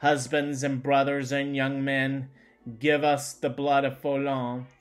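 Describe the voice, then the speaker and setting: Vengeful starving women's cries, as a male reader puts them on: slow, halting, mid pitch. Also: little pitch movement, faint music behind, natural voice. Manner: halting, repeating words. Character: frenzied starving women crying for revenge.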